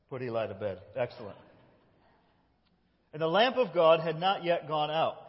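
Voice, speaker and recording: Animated man telling a story in church. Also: on the high side. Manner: animated, reads dialogue in lively voices. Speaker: lead pastor. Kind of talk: sermon storytelling with children acting. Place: church sanctuary. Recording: muffled, echoey church hall.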